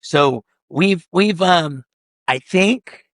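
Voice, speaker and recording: A man's voice: high-pitched, drawn-out words, fairly bright tone, no echo, clean studio sound. A man guest who co-owns a harness business, chatting casually, joking and chiming in to finish his partner's sentences. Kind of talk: casual chat.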